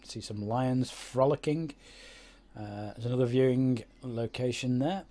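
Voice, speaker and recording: A man's voice: mid-range voice, unhurried, mellow. Chatty man narrating gameplay. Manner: rambling, chatty, lots of fillers and restarts. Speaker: game YouTuber. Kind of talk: casual gameplay commentary.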